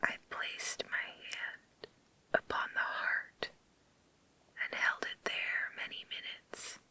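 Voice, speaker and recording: A woman reading a story in a creepy, breathy ASMR whisper, slow and deliberate, close to the microphone. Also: bright, forceful tone, low-quality recording.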